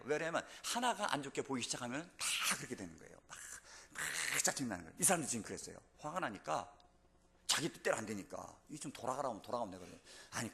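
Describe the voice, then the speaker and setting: A male pastor preaching a sermon in a church, asking the congregation questions and building to loud, emphatic exclamations. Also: mid-range voice, creaky. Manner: asks the congregation rhetorical questions. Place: church sanctuary.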